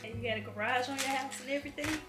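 A woman's voice: high voice, racing, over loud music. A young woman vlogging in casual chat, joking with a playful slangy manner and laughing often. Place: car, then home.

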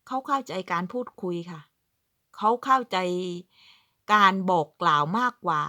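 Talking to camera, a southern Thai woman who vlogs from abroad offers chatty, emphatic advice and performs other people's lines. Her voice is medium-pitched with a fairly bright tone, recorded dry with clean studio sound.

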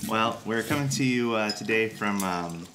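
A man's voice: on the low side, moderate pace, background noise. A man hosting a podcast at a restaurant table, chatting casually, laughing often and trying to keep things moving. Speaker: podcast host. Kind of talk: casual chat. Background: dishes and cutlery clatter.

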